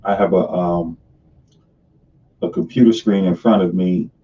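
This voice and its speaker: Male stream host, chatty and self-correcting, low-pitched, echoing as if in a cave, recorded on a distant camera mic. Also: fairly even intonation, measured pace. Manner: chatty and loose, often restarting his sentences. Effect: hollow, cave-like echo. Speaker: host of a live money stream. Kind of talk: casual live-stream chat. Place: home sunroom office. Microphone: camera on top of the computer screen. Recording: distant, dull webcam-mic sound in a hollow room.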